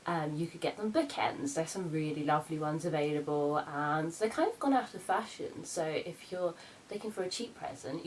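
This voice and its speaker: Woman doing campy sassy santa's daughter vlog bit, kinda low voice, theatrical and full of herself, some noise behind. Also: a little mellow, natural voice, low-quality recording. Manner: theatrical, sassy, self-important. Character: campy, boastful grown daughter of Santa Claus. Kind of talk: in-character comic gift-guide vlog.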